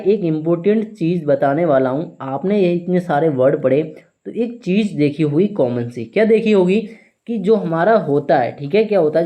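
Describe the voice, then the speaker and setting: A man teaching an English vocabulary lesson in Hindi, asking his students questions and answering them himself, spelling words out slowly letter by letter and saying "theek hai" often. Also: a little high, dark tone. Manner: repeats "ठीक है" often.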